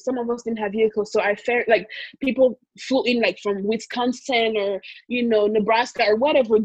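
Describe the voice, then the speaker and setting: A woman from Congo tells a personal story in an emotional, rambling way, with plenty of fillers. Her voice sits a little high and sounds husky. The recording is dull and lo-fi, with a close, dry sound. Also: no echo. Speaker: guest telling a personal story. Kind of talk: casual storytelling.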